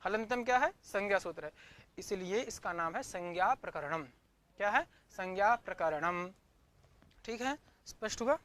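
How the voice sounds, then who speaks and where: A man's voice: high-pitched, lively intonation, normal speed, bright, forceful tone. Guy teaching sanskrit grammar online, asks a question then answers it himself, repeats stuff. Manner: searches the screen for notes aloud mid-lesson. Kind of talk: online class lecture. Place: online class.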